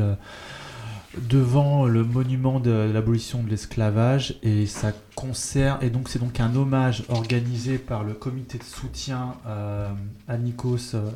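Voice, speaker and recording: A man's voice: on the low side, dark tone. A man presenting announcements on a community radio show, hesitant with many fillers.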